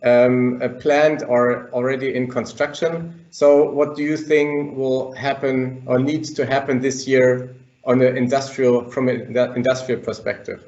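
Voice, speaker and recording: A man moderating a webinar panel over a group video call, halting and restarting his sentences with many fillers. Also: mid-range voice, level tone, darkish tone. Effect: group video call audio. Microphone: computer mic on a video call. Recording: dull, echoey call audio.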